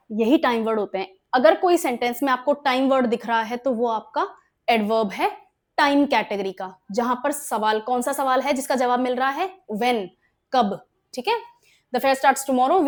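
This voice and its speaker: Indian woman teacher, high bright voice, grammar lesson in Hindi and English, keeps checking understanding. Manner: explains in Hindi mixed with English examples, asks frequent check questions. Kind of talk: exam-prep grammar lesson.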